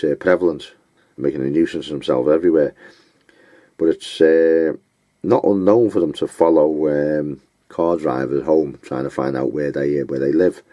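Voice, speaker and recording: A man giving advice in an unscripted monologue, blunt and scornful, with frequent pauses and filler words. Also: a bass voice, dark tone, no echo. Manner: blunt, scornful, name-calling; halting, with many fillers.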